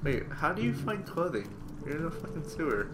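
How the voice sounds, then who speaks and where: A man commentating casually on his own video game play, swearing constantly and breaking into excitable outbursts. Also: fairly high pitch, brisk. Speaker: gamer doing a let's play. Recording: commentary over loud game music.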